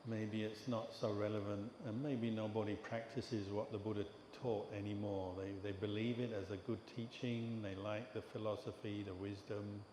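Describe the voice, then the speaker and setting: A calm, pause-filled dharma talk comes from an older monk teacher, a man from England whose voice is low and flat. His measured storytelling echoes through a hall with long reverb, with background noise audible.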